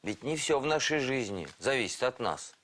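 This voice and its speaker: A man voicing a friendly, reasonable mentor in a children's cartoon, speaking in a gently instructive way. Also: medium pitch, big pitch swings, moderate pace. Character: friendly, reasonable male mentor called Lyosha.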